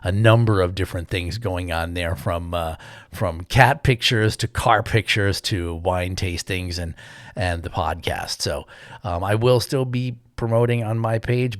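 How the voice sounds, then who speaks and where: A man hosting a podcast, talking in a relaxed, chatty way with plenty of fillers. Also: lowish voice, dry recording, clean studio sound. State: morning voice. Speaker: podcast host. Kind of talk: casual podcast intro and interview.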